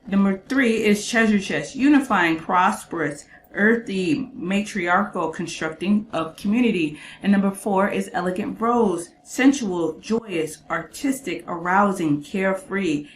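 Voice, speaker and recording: A woman's voice: mid-range voice, roomy sound, slight background noise, rough recording. A woman giving casual commentary on a clip, chatty, quizzing the viewer and listing traits.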